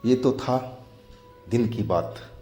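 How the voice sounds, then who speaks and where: A man narrating a true-story horror tale in a slow, measured retelling. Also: mid-range voice, mellow. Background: faint background music.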